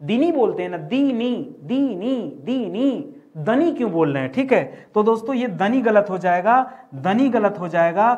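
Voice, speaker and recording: A man's voice: sits high, expressive, normal speed, few pauses, a little mellow, dull audio. Guy teaching grammar for exams, keeps repeating words and asking the class questions. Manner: repeats key words, quizzes students with rhetorical questions. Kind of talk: exam-prep grammar lesson.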